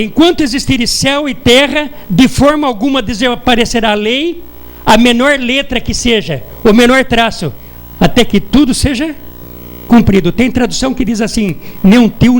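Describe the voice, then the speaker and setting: A man's voice: very high voice, poor audio. A man with a Brazilian Portuguese accent preaching a sermon in church, often putting questions to the congregation. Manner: asks the congregation rhetorical questions.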